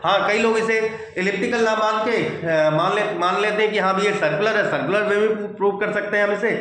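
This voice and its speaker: Guy with a fairly high voice teaching physics, keeps checking if you got it, big echo all around. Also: fairly quick, fairly bright tone. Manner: explanatory, repeats phrases, checks understanding; mixes English terms into Hindi. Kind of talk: whiteboard lecture. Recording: very echoey room.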